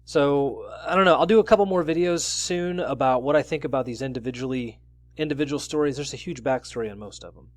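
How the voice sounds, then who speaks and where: A man hosts his own news commentary video, talking fast at a medium pitch with no room sound. He goes through stories casually and conversationally, reading out article excerpts and adding his own asides.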